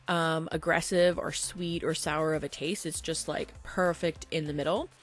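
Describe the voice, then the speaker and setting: A woman in her thirties with a slightly low voice narrates in a casual, chatty way. She explains each step plainly, like a mom talking to friends, with easy fillers and a relaxed pace. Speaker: vlogger, mother of two boys. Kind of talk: casual voice-over narration of meal prep.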